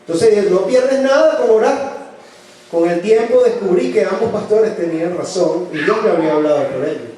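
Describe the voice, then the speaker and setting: A man preaches a sermon in a church hall, earnestly telling personal stories and changing his voice for quoted speech. His voice is high and dark-toned, with lively intonation and a moderate pace. Recorded from far away, the sound is very echoey with faint noise.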